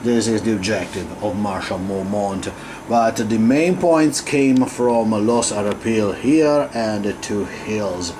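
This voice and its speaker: A man who is not a native English speaker, hosting an unscripted wargame battle report in a halting, hesitant way with frequent pauses. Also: lowish voice. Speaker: host of a wargaming channel. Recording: clear steady background room noise.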